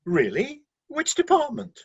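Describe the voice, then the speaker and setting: An actor gives a heavily acted turn as a celestial middle manager in a satirical radio play: husky, defensive, and mildly flustered, he breezily defends the staff in corporate language and sounds surprised. His high voice is a little slow and swings in lively fashion, on a slightly dull recording.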